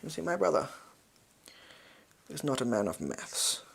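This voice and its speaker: A performer of unclear sex voicing a pompous, shady villain in an improvised role-play, with a put-on posh English accent and an over-precise, halting, evasive manner. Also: mid-range voice, very animated, creaky, slightly rough, heavily acted. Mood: pompous, lecturing.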